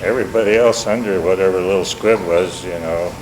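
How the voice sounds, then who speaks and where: A man's voice: low-pitched, steady tone, a little fast, a little mellow. A man in his seventies with an Upper Midwestern American accent, telling family history informally in a folksy, self-deprecating, wry way. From Minneapolis, United States. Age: 70s. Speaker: family elder recounting memories. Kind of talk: informal oral history reminiscence. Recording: echoey, noisy home tape, background hum.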